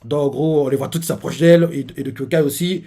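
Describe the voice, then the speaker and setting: A man talking through a manga chapter in a loose, rambling live reaction, constantly circling back with fillers. His voice sits a little high for a man. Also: quick pace, gravelly, mellow. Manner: rambling, many fillers and restarts. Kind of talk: casual live reaction commentary.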